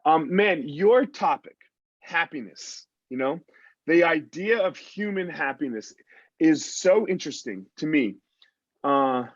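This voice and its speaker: A man's voice: a little high, animated, measured pace, dry recording. A man in his forties hosting a podcast over a video call, talking loosely and bluntly with lots of fillers. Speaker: podcast host. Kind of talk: casual interview chat. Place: small room at home. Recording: dull dry video-call audio.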